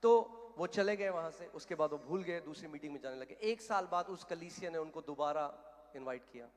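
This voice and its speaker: A male preacher giving a sermon and telling a story, emphatic, building to loud declarations and dropping English phrases into his speech. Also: fairly high pitch, fairly quick. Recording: long echo of a hall.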